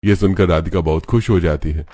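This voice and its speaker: Low-voiced man narrating a cartoon story. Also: fairly quick. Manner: steady, plain storytelling.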